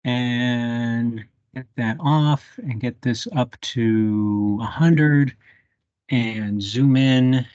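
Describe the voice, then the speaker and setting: Bee class guy on a video call, talks real slow, lots of ums, muffled lo-fi mic. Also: medium pitch, a little mellow, clear, resonant tone, no echo. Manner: unhurried, thinking aloud with fillers while adjusting a microscope. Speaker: bee identification instructor. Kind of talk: live online microscope workshop. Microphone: computer mic on a video call.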